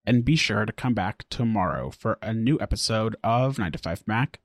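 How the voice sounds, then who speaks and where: A man hosting a daily tech news podcast, reading scripted stories and a sponsor spot in a steady, clear newsreader delivery. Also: on the low side, moderate pace. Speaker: podcast host.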